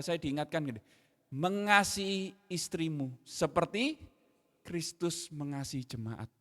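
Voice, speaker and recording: Man, pastor, animated sermon, fairly high voice, reverberant church hall. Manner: animated, mixes in Javanese slang, acts out his own scolding.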